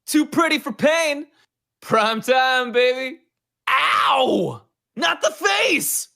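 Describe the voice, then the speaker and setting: A man's voice: very high voice, big pitch swings, drawn-out words, vocal fry, sharp tone, exaggerated voice. An actor playing a vain, cocky pretty-boy gunslinger in a video game, swaggering and melodramatic. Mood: smug swagger, then dramatic distress. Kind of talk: video game character catchphrases.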